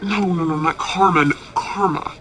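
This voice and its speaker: An earnest teenage girl singer, worried and dismayed. Her voice is bright and a little tense at an ordinary pitch, in TV teen show style. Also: expressive, normal speed. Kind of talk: TV teen drama acting.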